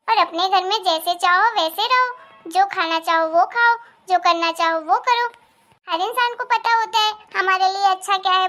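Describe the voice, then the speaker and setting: A woman voicing a firm but loving mother-in-law in a cartoon family story, reassuring and gently lecturing. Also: extremely high pitch.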